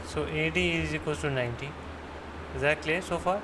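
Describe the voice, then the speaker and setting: A man's voice: fairly high pitch, brisk. Pakistani-accented man tutoring over noisy audio. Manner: encouraging, step-by-step questioning. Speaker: maths tutor. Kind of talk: interactive one-to-one lesson. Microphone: computer mic on online screen-share call. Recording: noisy online lesson audio, background hum.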